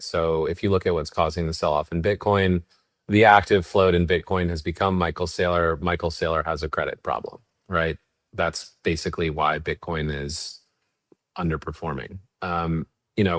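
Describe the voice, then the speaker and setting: Deep-voiced man telling a market story. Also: dry recording, clean studio sound. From Berkeley, California. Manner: animated, tangent-prone storyteller. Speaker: podcast co-host. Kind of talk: casual chat.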